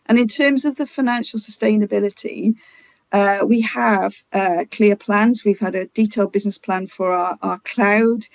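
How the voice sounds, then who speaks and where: A woman giving a formal corporate presentation to a committee, often halting and restarting her words. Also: medium pitch, steady tone, gravelly, dry recording.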